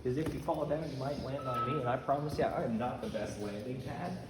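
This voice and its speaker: A male cave guide speaks from deep inside a very echoey cave with long reverb and clear noise behind him. He explains what is around him step by step, in an accommodating, informal tour-commentary style. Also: fairly quick.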